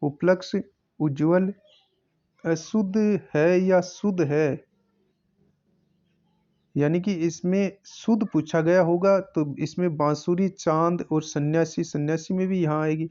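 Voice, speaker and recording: A man's voice: on the high side, fairly even intonation, slow, mellow, muffled recording. A man teaching, working through an exam paper question by question and repeating each answer. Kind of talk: exam paper solving lesson.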